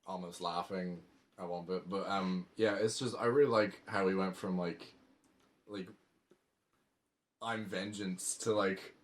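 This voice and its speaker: Deep-voiced man, halting speech. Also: little pitch movement. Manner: halting, many fillers. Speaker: podcast co-host. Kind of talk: casual film chat.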